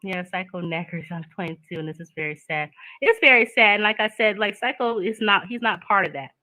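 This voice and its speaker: A woman's voice: mid-range voice, fairly quick, bright, forceful tone, no room sound, rough recording. A woman, talking candidly in a casual chat and laughing often.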